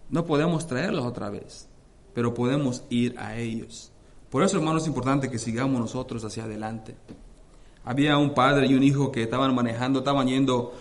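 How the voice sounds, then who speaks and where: A male pastor preaching a sermon with fervent energy, reading scripture aloud and often addressing the congregation as brothers. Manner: reads scripture aloud with dramatic rises in pitch and force.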